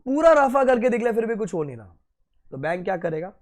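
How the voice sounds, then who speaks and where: A man's voice: high-pitched, sing-song, fast, a little mellow. A man giving a lecture, quizzing his students and answering his own questions as he mixes Hindi and English. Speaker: teacher. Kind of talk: classroom lecture.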